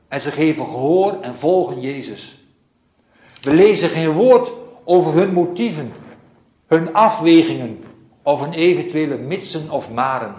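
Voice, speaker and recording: Slow, reflective male preacher in echoey church. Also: on the high side, a little mellow. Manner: slow, measured, reflective delivery with repeated phrases. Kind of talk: sermon.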